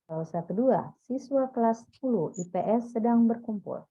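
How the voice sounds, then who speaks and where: A woman's voice: fairly high pitch, expressive, normal speed, mellow, dull audio. A woman teacher giving a classroom lecture, explaining step by step and quizzing her listeners with questions as she goes.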